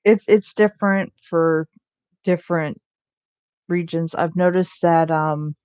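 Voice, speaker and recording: Young woman, slow rambling chat, lowish voice, dry close sound, frequent ums. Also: fairly even intonation, a little mellow, smooth, dry recording. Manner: rambling with many ums and restarts, casual swearing. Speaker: vlogger. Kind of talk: rambling casual chat about shows.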